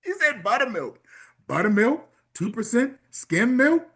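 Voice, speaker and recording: A man's voice: very high voice, big pitch swings, a little slow, fairly bright tone, husky. A man co-hosting a casual movie podcast, laughing often and quoting scenes with gusto. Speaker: podcast co-host.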